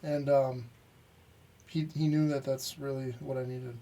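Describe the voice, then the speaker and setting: A man's voice: mid-range voice, little pitch movement, unhurried, dark tone, far from the mic. A man guesting on a podcast, talking in a plain, casual way with lots of "you know". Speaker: guest business owner.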